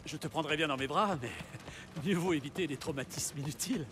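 A man playing a wry, smooth-talking schemer in a video game, eloquent and playfully sardonic. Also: on the high side, brisk, background noise, lightly acted. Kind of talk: video game drama acting.

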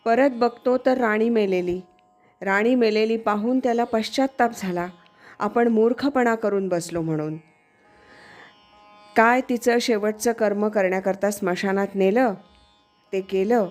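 A woman giving a religious discourse, telling a traditional story in a measured, expressive way. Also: mid-range voice. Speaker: spiritual discourse speaker.

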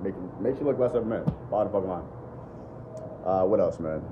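Talking casually to camera at home, a deep-voiced young man records on a phone at arm's length in his living room. He's a dating and self-improvement vlogger whose blunt, profane speech is fairly quick and keeps returning to "bro" and "bottom line." The sound is lo-fi, with background noise.

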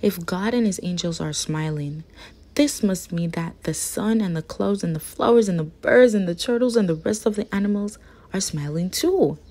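A woman with a warm, lowish voice reads a children's religious picture book aloud at a normal speed. As a storyteller for young listeners, she phrases everything simply and carefully.

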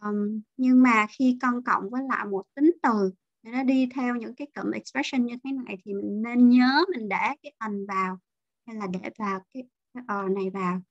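A woman's voice: fairly high pitch, steady tone, moderate pace, no room sound, highs cut off. A woman teacher leading an online class, explaining vocabulary and patiently drilling pronunciation. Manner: drills pronunciation, mixes English terms into explanations.

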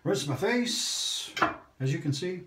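Filmed on a phone or camera on a holder in a roomy room at home, this man narrates his shave in a rambling, self-mocking way, sometimes slipping into whispers. He sounds high-pitched, animated, and slightly bright, speaking slowly, with a faint hiss or hum in the background.

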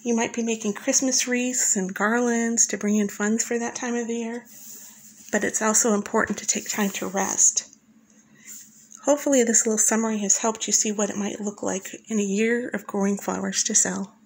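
A woman narrating a scripted voice-over guide, speaking in a calm and instructive way and addressing the listener directly. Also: fairly high pitch, normal speed, a little hiss or hum, low-quality recording. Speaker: flower farmer and channel host.

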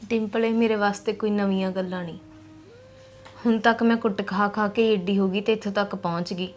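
A woman's voice: medium pitch, steady tone, brisk, a little hiss or hum. Weary, resigned Punjabi woman. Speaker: actress playing a suffering sister. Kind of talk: drama acting.

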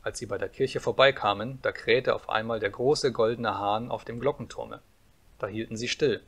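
A man reading a fairy tale aloud as an audiobook narrator, calm and measured. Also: fairly low pitch, creaky, slightly rough.

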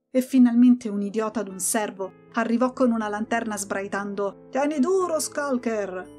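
A woman's voice: mid-range voice, darkish tone. A woman narrating an audiobook, telling a first-person story expressively.

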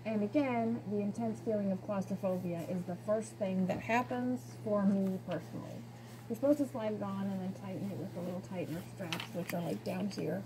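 A chatty, candid woman speaks through a full face snorkel mask that muffles her voice. Her pitch sits in a middle range. A clear noise hiss runs under her home recording. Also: fairly even intonation, fairly quick. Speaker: product reviewer. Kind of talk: casual product review.

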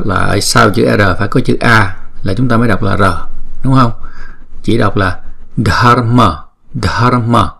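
A man teaching mantra pronunciation in a spoken lesson, patiently repeating each sound slowly to demonstrate it and chanting the full mantra in a slow, drawn-out way. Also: on the low side, creaky, a bit bright.

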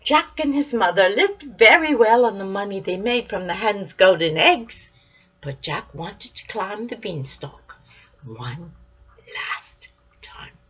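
Older woman reading a children's story, animated. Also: mid-range voice, slow pace, a little hiss or hum. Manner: animated, with whispered asides. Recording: dull lo-fi recording.

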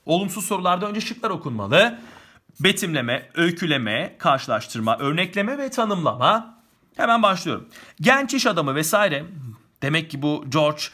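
A man's voice: sits high, sharp tone, breathy edge. A man teaching an exam-prep lesson, talking chattily and addressing the viewer directly as he works through questions.

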